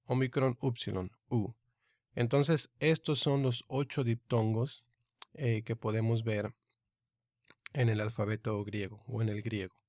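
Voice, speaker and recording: Man, Greek lesson teacher, unhurried careful delivery, repeats sounds, dry close sound. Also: mid-range voice, fairly even intonation, a little mellow, no echo. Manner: slow, deliberate, repeats each sound aloud. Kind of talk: recorded online lesson.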